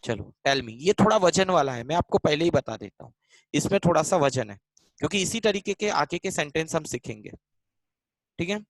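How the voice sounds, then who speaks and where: A man's voice: a little high, lively intonation, normal speed, dry recording, poor audio. A man teaching English grammar in a live online class in Hindi, mixing in English, repeating lines and calling students by name. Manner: switches between Hindi and English mid-sentence.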